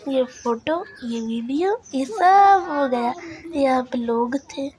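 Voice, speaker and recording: A woman's voice: high voice, animated, takes it slowly, darkish tone. A woman narrating her own vlog in a chatty, self-mocking way. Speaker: vlogger. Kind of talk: casual vlog voice-over.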